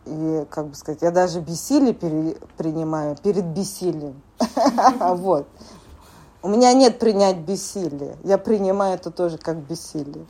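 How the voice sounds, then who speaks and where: A woman in her forties sharing at a recovery group meeting, speaking haltingly with many filler words. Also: fairly low pitch, mellow. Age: 40s. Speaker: support group member.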